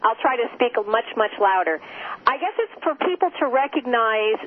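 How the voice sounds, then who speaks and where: A woman heard over the phone as an interview guest, speaking gently and repeating phrases for emphasis. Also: on the high side, big pitch swings, normal speed. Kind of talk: spiritual interview talk. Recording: tinny phone line with faint noise.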